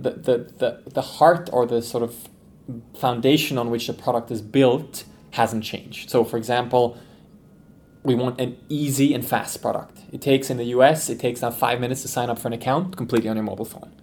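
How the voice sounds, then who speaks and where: A man from Switzerland, a company executive, giving relaxed, thoughtful interview answers on a podcast. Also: medium pitch, moderate pace, slight background noise.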